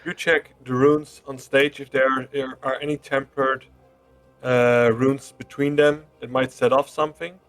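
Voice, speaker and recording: A man's voice: medium pitch, level tone, a little slow, faint music behind. A man chatting casually as a player in a tabletop role-playing game.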